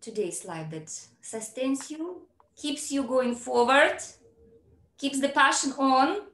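A woman's voice: high-pitched, animated, takes it slowly, fairly bright tone. Chatty woman host on a video call. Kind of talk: casual online interview. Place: home room, video call. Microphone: laptop mic on video call. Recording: roomy echo.

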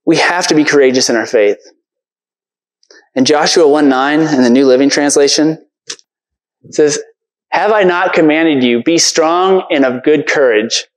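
A man's voice: on the high side, a little slow, pauses often, low-quality recording. Earnest man giving a casual sermon. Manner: earnest, conversational, many fillers. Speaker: preacher. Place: church stage.

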